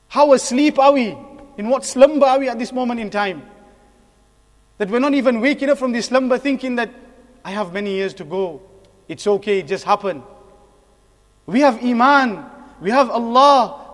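In a mosque hall with long, echoing reverb, a high-pitched male preacher delivers a sermon. He exhorts earnestly, leaning on repeated phrases and rhetorical questions.

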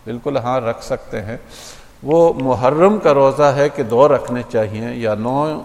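Man giving a mosque talk, reverberant hall. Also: mid-range voice. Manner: explanatory, steady, with hesitation fillers. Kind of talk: religious talk to a congregation.

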